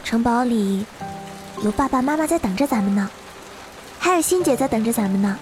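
Protective older sister girl, woman voicing: high, soothing, stammering, tearful, audio drama over music. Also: lively intonation, a little fast, close to an everyday voice. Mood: storytelling softly. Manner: soothing, stammering when unsure, often tearful.

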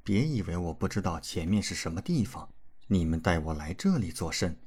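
A man's voice: fairly low pitch, big pitch swings, normal speed, vocal fry, a little mellow, breathy edge, exaggerated voice. A man voicing a fierce, sneering swordswoman. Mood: threatening. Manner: curt, threatening, scornful.

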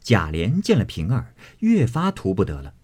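A man narrating a classic novel as an audiobook in an expressive storytelling manner. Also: on the low side, moderate pace, slightly rough.

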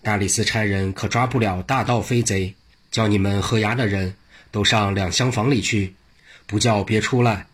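A man's voice: fairly low pitch, steady tone, normal speed, slightly rough. A man voicing an eccentric, mischievous old male monk who talks in a brash, teasing way in a storybook reading.

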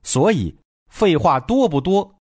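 A man voicing a calm, smiling male professor who explains things gently and softly. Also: on the high side, takes it slowly, husky, no room sound, studio quality, voice pushed up, exaggerated voice. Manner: gentle, soft-spoken, explanatory.

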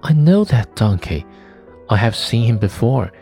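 A man's voice: mid-range voice, very animated, a little slow, creaky, dark tone, soft background music. A man voicing a young wooden marionette boy, raising his voice to sound boyish, polite and simple. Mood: curious.

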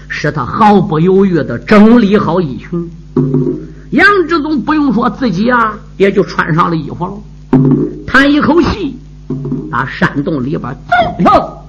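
A male traditional storyteller with a dramatic delivery and a very animated pitch. The sound is dull and lo-fi, and instrumental music is clearly audible behind him. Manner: lively, dramatic.

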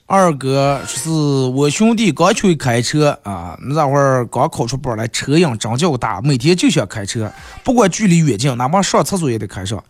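A man hosting a show, telling funny listener stories in a lively way and jumping into high put-on voices for quotes. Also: moderate pace, few pauses, faint music behind. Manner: animated, jumps into high-pitched voices for quotes. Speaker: host reading listener stories. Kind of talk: comic storytelling.

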